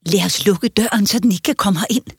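A man's voice: high-pitched, breathy edge, dry recording, clean studio sound, voice pushed up, exaggerated voice. A man voicing a frail, kindly old grandmother in a storybook reading, in a raised, quavering voice.

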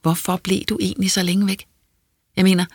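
A hesitant grown sister, soft-spoken and gently probing, as an audiobook reader puts her on. Her voice is a little husky and close, with a dry sound and no room around it. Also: medium pitch, little pitch movement, no room sound, pitched above the performer's own voice. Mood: tentative. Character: hesitant adult woman, narrator's sister.

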